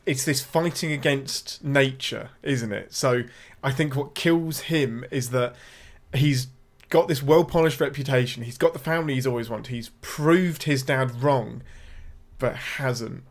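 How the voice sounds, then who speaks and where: A man's voice: medium pitch, a little slow. An English man co-hosting a film podcast in casual chat, thinking aloud, hedging with "I think" and correcting himself as he goes. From England. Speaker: podcast co-host.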